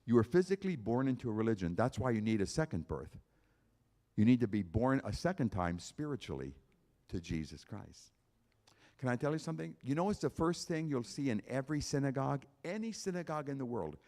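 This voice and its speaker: A man's voice: medium pitch, dark tone. A man, a concert pianist, giving an emphatic evangelistic talk at a church concert, appealing directly to his listeners with repeated phrases.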